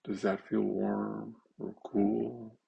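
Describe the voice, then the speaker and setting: A man guides a mindfulness meditation in a slow, halting way, leaving long pauses between short, simple phrases. His voice is deep-set, heavily gravelly and very husky, and he lets each word settle. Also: little pitch movement, dull audio.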